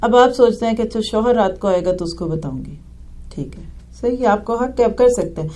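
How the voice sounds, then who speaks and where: A woman's voice: mid-range voice, lively intonation, mellow. A woman giving earnest family advice, talking straight to her listeners. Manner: earnest, advising, addresses listeners directly. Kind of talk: advice talk.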